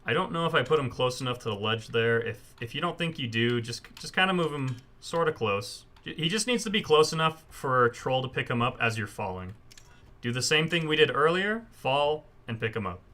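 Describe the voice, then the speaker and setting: Bright-voiced man giving gameplay tutorial. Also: mid-range voice. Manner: informal, step-by-step explaining. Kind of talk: casual gameplay tutorial commentary.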